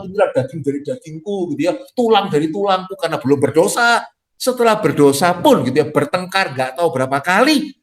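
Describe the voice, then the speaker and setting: A middle-aged male pastor from Indonesia giving a sermon in a conversational way, with frequent tag questions and playful acted-out quotes. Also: a little high. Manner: lively, acts out quoted dialogue with jokes; conversational preaching with frequent "ya" tags.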